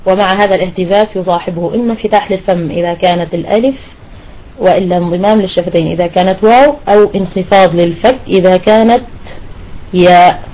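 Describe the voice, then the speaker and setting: A woman teaching a tajweed lesson to women students, explaining step by step and slowly repeating words to demonstrate pronunciation. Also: fairly low pitch, a little mellow, poor audio. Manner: praises and questions students. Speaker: Quran recitation teacher.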